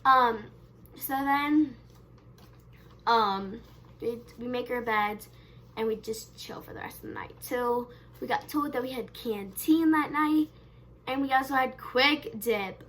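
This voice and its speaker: Bright high-voiced young woman vlogger. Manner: rambling, self-correcting, leans on "basically" and "um"; wide swings in loudness and pace. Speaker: YouTube vlogger. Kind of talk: casual camera vlog storytelling.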